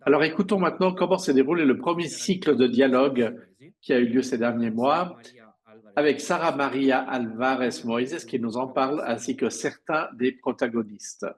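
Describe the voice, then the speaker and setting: A man working as a simultaneous interpreter renders conference speeches live, his pitch in the middle of the male range. He speaks haltingly, drawing out pauses as he works through each phrase. The recording is rough.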